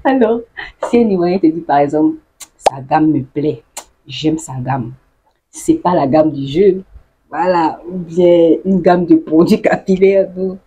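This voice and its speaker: Laughing woman with a husky, mellow voice. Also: low voice, measured pace, dull audio. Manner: lively, laughs often, acts out phrases. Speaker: YouTuber explaining local slang. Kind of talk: casual explanatory vlog.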